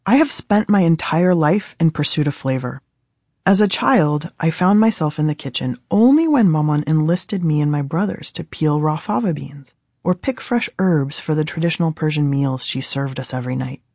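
A Southern California woman in her thirties narrates her own book for a scripted audiobook, recorded dry in the studio. She has a deep, somewhat mellow voice, delivered expressively at a normal speed.

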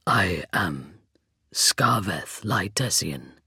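A narrator voicing a solemn, devoted undead skeletal knight with a hollow, rasping voice and slow, grave, breathy whispers in an audiobook. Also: sits low, expressive, sharp tone, no echo, pitched below the performer's own voice, full character voice. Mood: grave devotion. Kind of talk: audiobook character voice.

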